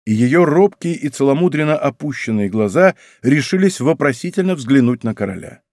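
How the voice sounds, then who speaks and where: A man narrating a historical novel as an audiobook in a measured, scripted storytelling manner, close to a studio microphone. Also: medium pitch, lively intonation, a little mellow, no room sound. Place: recording studio.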